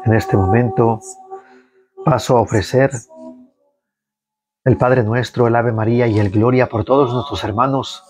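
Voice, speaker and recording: Leading a recited rosary, this man reads the psalms in a measured, devotional way and cues the listeners' responses. He has a medium pitch and a somewhat mellow quality.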